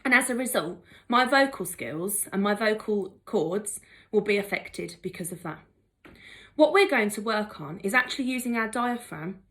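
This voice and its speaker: A young woman teaching an online drama lesson, upbeat and encouraging, explaining each step clearly. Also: medium pitch, fairly bright tone.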